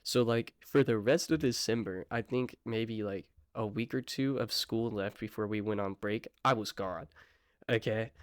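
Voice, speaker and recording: A man's voice: fairly low pitch, moderate pace, no room sound, studio quality. A young man telling a casual storytime vlog in a slangy, laid-back way with apologetic asides. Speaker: vlogger.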